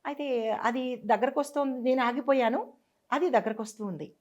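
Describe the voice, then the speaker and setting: A woman guest telling a personal story in a conversation, earnest and halting, restarting and repeating herself. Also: high voice, darkish tone. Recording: dull lo-fi sound.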